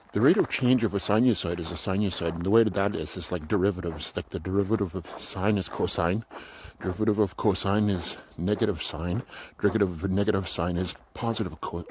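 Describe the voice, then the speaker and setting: Middle-aged guy rambling on a walk outside, lowish voice, bit of faint noise behind. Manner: rambling, thinking aloud with many restarts. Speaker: vlogger. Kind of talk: casual walk-and-talk vlog. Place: outdoors on a walk.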